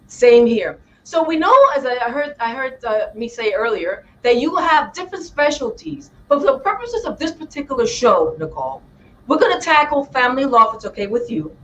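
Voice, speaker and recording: A woman's voice: high voice, big pitch swings, moderate pace, fairly bright tone, dull audio, a little hiss or hum. A woman hosting a talk show interview, effusive and full of praise, often addressing her audience as friends. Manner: effusive, repeats "my friends" and "wow".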